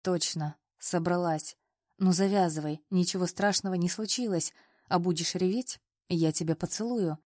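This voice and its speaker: A woman reading the part of a teasing, easygoing young male boss in an audiobook, playful and then softly apologetic. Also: fairly low pitch, normal speed, dry recording, clean studio sound, natural voice.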